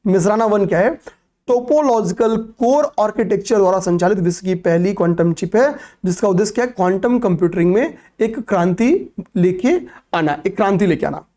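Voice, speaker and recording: A man's voice: high voice, animated, moderate pace, warm tone. Hindi-speaking male coaching teacher lecturing. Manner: repetitive, checks in with "okay, pay attention"; asks and answers own questions. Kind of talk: classroom lecture on current affairs.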